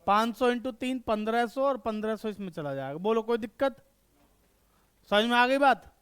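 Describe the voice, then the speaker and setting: A man's voice: very high-pitched, normal speed, fairly bright tone, clean tone. A man teaching an online accountancy class. He keeps asking his students questions, answers them himself, and keeps checking that they have understood.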